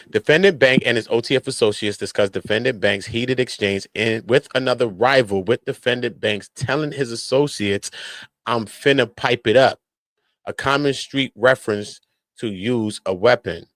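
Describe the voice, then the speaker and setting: Mid-range in pitch with a fairly bright tone, an American man talks at normal speed, and the recording has no room sound. He gives slangy street commentary on criminal cases, now and then reading documents aloud, with emphatic, repetitive tags.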